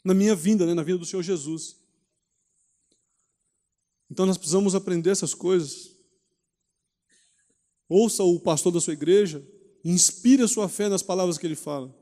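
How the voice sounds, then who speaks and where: A man with a high but mellow voice, preaching in an easy, conversational way and tossing out rhetorical questions. His words ring out through a church hall with a long echo, as if he stands before a congregation. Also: normal speed, pauses often. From Brazil. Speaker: pastor teaching a Bible study. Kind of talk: sermon teaching.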